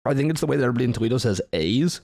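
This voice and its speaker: A man's voice: medium pitch, lively intonation, very fast, darkish tone, no room sound. An American man co-hosting a podcast in casual banter, blunt and teasing, swearing freely. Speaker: podcast co-host.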